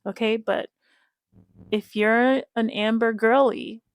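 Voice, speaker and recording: A woman's voice: a little high, steady tone, slow, dry recording. A woman giving casual, emphatic commentary to her viewers, repeating her points and speaking to them directly. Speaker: reality-show commentator.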